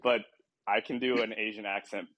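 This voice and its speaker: A man's voice: on the low side, fairly even intonation, moderate pace, highs cut off, a crowd in the background. A young man hosting a podcast, chatting casually in a rambling, self-deprecating way and laughing often, sounding a little tired. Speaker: podcast host. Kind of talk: casual chat.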